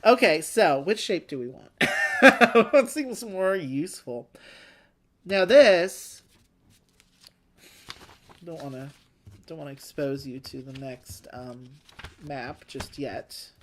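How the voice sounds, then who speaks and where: A woman hosts a relaxed board game play-along, talking at an unhurried pace in a lowish voice. She chats and thinks aloud, often poking fun at her own play. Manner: chatty, self-deprecating, thinking aloud. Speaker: host.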